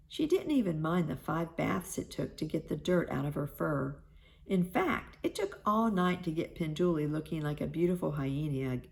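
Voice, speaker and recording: A woman reading a children's storybook aloud in a gentle, measured narration. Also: low voice, creaky. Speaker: storybook reader.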